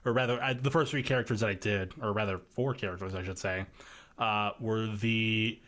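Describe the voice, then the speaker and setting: A man's voice: on the low side, fairly even intonation, fairly quick, a bit bright. A man talking casually as a podcast guest, hesitant, with many fillers and restarts. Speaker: podcast guest, video editor and voice actor. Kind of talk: casual chat.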